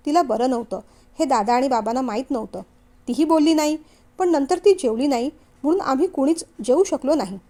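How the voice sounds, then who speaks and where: A woman's voice: sits high, a little mellow. A woman reading a young man's lines in a family novel, firm and earnest. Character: young man, firm devoted son, steady.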